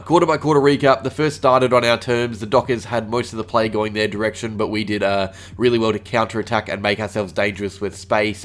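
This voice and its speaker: An Australian man hosts a solo sports review, a little under the weather with a cold. He talks at a brisk clip in a lowish voice and peppers his sentences with "uh" fillers. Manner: rapid, with frequent "uh" fillers. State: a little sick. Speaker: fan channel host.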